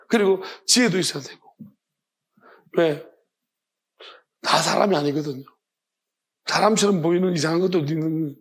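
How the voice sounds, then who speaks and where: A male pastor preaching at an evening church service, chatty and laughing often, acting out little prayers. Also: high-pitched. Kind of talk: sermon.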